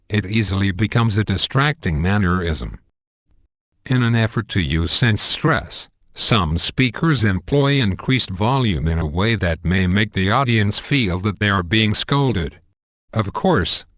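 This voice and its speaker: A man with a fairly low voice reads a teaching text in a measured, deliberate way. The delivery is earnest and carefully paced. The recording is dry and close, with no room sound. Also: fairly bright tone, no echo. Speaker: narrator. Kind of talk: scripted instructional narration.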